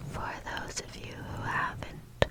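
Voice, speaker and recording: A young woman giving a whispered ASMR pep talk, reassuring and soothing, gently repeating words. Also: takes it slowly. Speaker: ASMR host.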